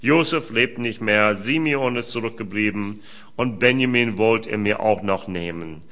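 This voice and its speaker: A man's voice: on the low side, unhurried, bright, forceful tone, voice pushed down. A man reading aloud the lament of a despairing old father who is grieving his lost sons. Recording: dull lo-fi sound.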